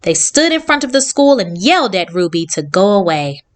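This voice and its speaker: In a sing-song, mid-range voice at normal speed, a woman reads aloud for a children's read-along. She addresses the young listeners with simple, clearly worded sentences.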